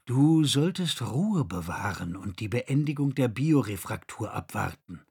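A male narrator voicing a nursing machine that speaks quietly, patiently and firmly. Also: mid-range voice, animated, moderate pace, husky. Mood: calm firm.

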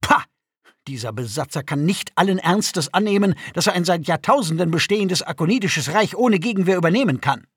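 A man voicing a haughty, pampered male alien nobleman in an audiobook, shrill and indignant. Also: animated, fairly quick, fairly bright tone, slightly rough, no echo, clean studio sound, heavily acted. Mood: outraged. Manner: shrill, outraged, demanding.

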